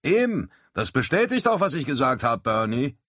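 A man doing a gruff, grumbling sailor. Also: mid-range voice, very animated, moderate pace, fairly bright tone, no echo, studio quality, voice pushed up. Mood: mocking. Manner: grumbling, sarcastic. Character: gruff grumbling male sailor, sour, mocking.

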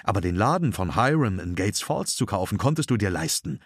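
A man reading an audiobook, voicing a bitter middle-aged mother with a sharp, mocking tone. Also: medium pitch, lively intonation, moderate pace, no room sound, studio quality, pitched above the performer's own voice, natural voice. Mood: bitter scornful.

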